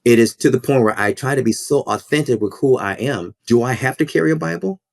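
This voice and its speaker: Speaking in a mid-range voice with vocal fry, a school principal and minister talks through a podcast interview. His tone is earnest and thoughtful, halting with repeated words as he thinks, captured in a dry, studio-quality recording.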